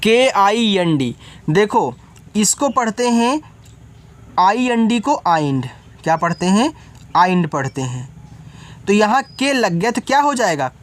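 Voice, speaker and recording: A man's voice: high voice, expressive, unhurried. A man teaching beginners to read English, spelling each word letter by letter and then explaining it, often checking whether the learner follows.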